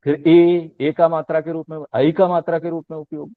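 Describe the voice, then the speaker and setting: Male teacher, fairly high voice, dry and phone-thin, patient recitation of letters. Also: little pitch movement, no echo. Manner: drawn-out recitation of letters with rising questions. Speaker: Sanskrit teacher. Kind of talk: explaining a language lesson. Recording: tinny phone-line sound, dry.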